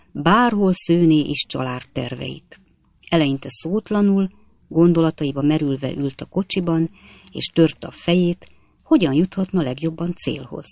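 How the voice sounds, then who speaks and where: An audiobook narrator reading a classic novel in a measured, expressive way. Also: mid-range voice, vocal fry, dry recording. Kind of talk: scripted narration.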